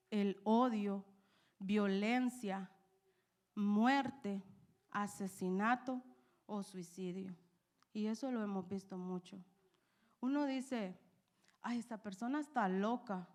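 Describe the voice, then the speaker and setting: A woman's voice: mid-range voice, a little mellow. A young woman preaching, telling a personal testimony with emotion and frequent "¿verdad?" asides. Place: church.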